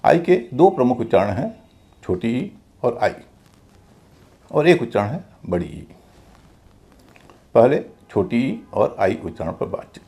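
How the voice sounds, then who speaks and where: Man, teacher, video lesson, dark mellow tone, gravelly edge, step-by-step explanations. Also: medium pitch. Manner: clear, step-by-step, repeats rules with examples. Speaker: English pronunciation teacher.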